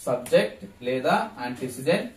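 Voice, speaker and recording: A man's voice: mid-range voice, lively intonation, a little fast. A man teaching English grammar to a class, asking questions and repeating the key terms for students to echo back. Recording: echoey classroom, mic at a distance, faint noise.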